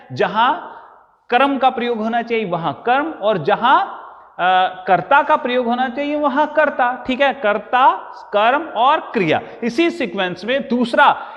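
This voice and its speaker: A male teacher giving a grammar lesson to a class, dictating his points slowly, word by word. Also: very high voice, a bit bright, in a large hall, lo-fi sound.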